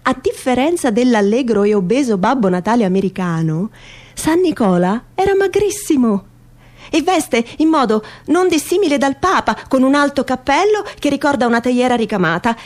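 A woman gives a theatrical reading of a humorous first-person essay, wry, mock-earnest, and expressive. Her voice is on the high side and her pace is moderate.

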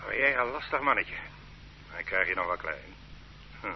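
In this radio drama performance, a deep-voiced male actor plays an official grilling a suspect, sounding stern, bullying and condescending. His delivery is expressive and moderately paced. The recording is dull and old, with a faint hum.

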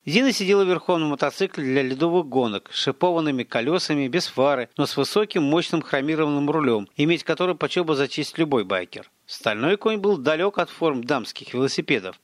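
A man narrating an audiobook in a steady, even storytelling manner on a close microphone. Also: fairly high pitch, no echo. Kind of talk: scripted narration.

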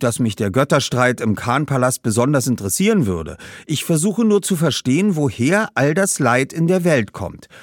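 An earnest young boy in a read-aloud storybook, as a man puts him on, asking questions with a thoughtful, serious air. His raised voice moves in lively swings and sounds close and dry. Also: medium pitch, no room sound, pitched above the performer's own voice, natural voice.

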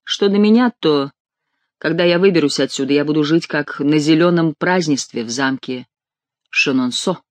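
A man's voice: fairly high pitch, moderate pace, dry recording, natural voice. A man doing a peevish bored courtier. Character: bored, fretful young male courtier under house arrest. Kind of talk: audiobook character reading.

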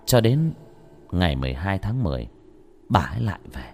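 A man narrating a ghost story in an animated, earthy way. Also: low-pitched, a little fast, a little hiss or hum. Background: faint music.

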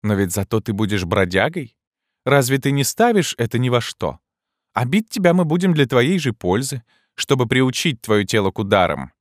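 A man's voice: medium pitch, very animated, normal speed, dry recording, studio quality, pitched above the performer's own voice, natural voice. A man voicing a bossy, mocking male king of vagabonds who gives orders with scorn. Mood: scornful. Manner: commanding, scornful.

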